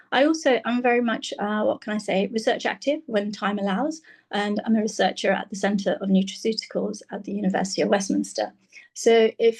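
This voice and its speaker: A woman from Bangladesh speaking through a phone on a video call. Her voice sits a little high, and she talks in a reflective, hesitant way, pausing often with "um". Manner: warm, reflective, with many "um"s. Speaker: guest speaker, senior lecturer. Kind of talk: personal talk on a video call.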